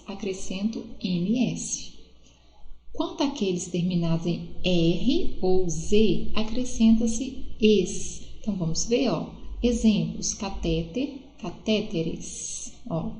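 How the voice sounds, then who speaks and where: A woman's voice: mid-range voice, mellow, echoey room, rough recording. A Brazilian woman teacher with a Brazilian Portuguese accent, explaining grammar step by step and checking in with her students often. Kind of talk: recorded grammar lesson.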